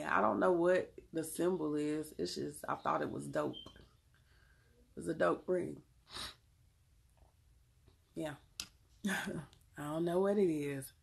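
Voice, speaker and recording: This Charlotte, North Carolina tarot reader and livestream host speaks with a Southern accent in a creaky voice that sits on the low side. On a casual stream, she answers chat messages and delivers blunt, emphatic motivation.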